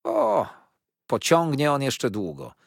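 Brisk old aunt, cheerful, reassuring, husky tone, animated swings, read by a man. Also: medium pitch, no echo, clean studio sound, voice pushed up, exaggerated voice. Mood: soothing. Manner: cheerful, soothing.

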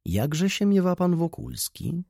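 A man's voice: on the high side, sing-song, takes it slowly, gravelly, dark tone, no echo, clean studio sound, pitched above the performer's own voice, exaggerated voice. A man doing a sly gossiping shopkeeper woman. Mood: insinuating. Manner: sugary, insinuating.

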